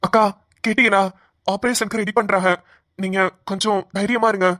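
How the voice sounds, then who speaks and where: A woman voicing a kind young man who gently comforts his family in a cartoon. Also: medium pitch, steady tone, normal speed, no room sound, studio quality, lightly acted. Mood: tender.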